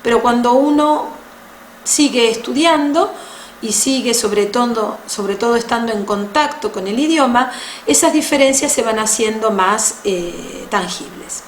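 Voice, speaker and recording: A woman giving a language lesson, explaining French sounds patiently and slowly. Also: fairly high pitch. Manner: patient, slow, spells out sounds. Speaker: French teacher. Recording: roomy echo with faint noise.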